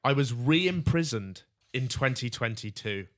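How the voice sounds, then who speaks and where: His mid-range voice is animated but a little slow. He's a co-host on a laid-back comedy podcast, cracking jokes and running the quiz part of the show.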